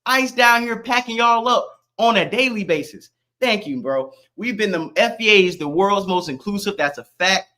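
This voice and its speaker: A man from Florida hosting a live stream, talking straight at his chat. His voice sits high and sounds bright and forceful. He comes across brash and confrontational, mocking the people he answers. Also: lively intonation, moderate pace, few pauses.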